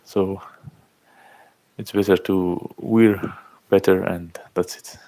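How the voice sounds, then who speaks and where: A man in his thirties from Algeria, chatting casually on a livestream, reading out and thanking viewers' comments in halting speech. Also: low voice, steady tone, mellow. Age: 30s. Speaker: livestream host. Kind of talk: casual live-stream chat.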